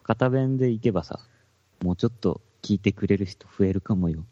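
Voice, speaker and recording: A man's voice: fairly low pitch, a little fast, dark tone, dry recording, highs cut off. A man with a Hakata accent, a podcast co-host in casual chat among musicians, joking and laughing often. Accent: Hakata dialect. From Fukuoka.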